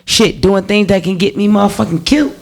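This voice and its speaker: A man in his 30s, appearing as a podcast guest, tells his personal story candidly, repeating phrases and swearing freely. His voice is high-pitched with vocal fry, and he speaks fairly quickly.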